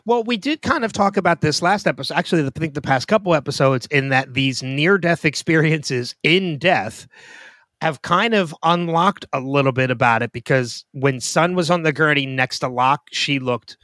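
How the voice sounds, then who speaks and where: A man's voice: on the high side, moderate pace, no echo, clean studio sound. A man co-hosting a podcast, chatting casually and thinking aloud about a TV episode. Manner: relaxed, laughs easily, thinks aloud. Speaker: podcast co-host. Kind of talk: casual chat.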